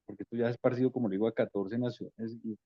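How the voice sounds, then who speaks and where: A man who tells a story in a relaxed, hesitant way, full of pauses. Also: mid-range voice, dry recording. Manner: relaxed, hesitant, with many fillers. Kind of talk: conversational storytelling. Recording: dry, dull sound.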